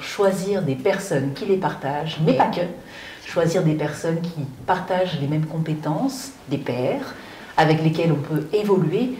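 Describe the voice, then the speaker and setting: Woman columnist posing rhetorical questions. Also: on the low side. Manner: lively rhetorical delivery, asks and answers herself. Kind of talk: advice segment. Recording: echoey room with faint noise.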